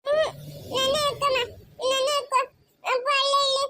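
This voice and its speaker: A whimpering little girl, sick and clingy, begging in a very high, thin, singsong-flat voice, as a woman acts her out. The sound is bright and dry, close up with no room around it. She speaks in a family moral drama. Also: fairly quick, a little hiss or hum. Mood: whiny tearful. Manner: whimpering, pleading to be carried.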